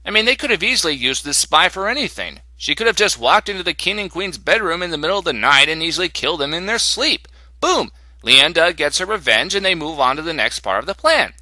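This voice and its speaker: Male comic reviewer, sharp bright tone, dry close voice-over, sarcastic and exasperated delivery. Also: on the high side, expressive, fast talker, few pauses, no echo. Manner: snarky, exasperated, mocking.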